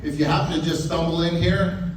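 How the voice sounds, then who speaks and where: A man's voice: fairly high pitch, flat delivery, fairly quick. Echoey older man giving father-of-the-bride speech. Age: 50s or older. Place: large echoing event room at a wedding reception. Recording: echoey, noisy room, distant mic.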